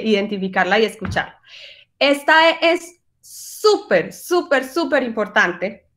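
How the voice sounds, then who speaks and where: A woman teaching French pronunciation to singers over a video call, patient and encouraging, slowly demonstrating each sound. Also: fairly high pitch, a bit bright. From Colombian Caribbean coast. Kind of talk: online workshop lesson.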